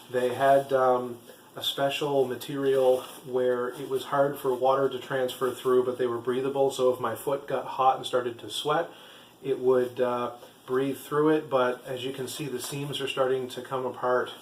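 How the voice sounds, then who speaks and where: An echoey room recording with faint background noise carries a man's voice at an average pitch. He talks casually to camera like a hobby vlogger reviewing gear. His explanations ramble a little and come with hesitations. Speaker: vlogger and trail runner.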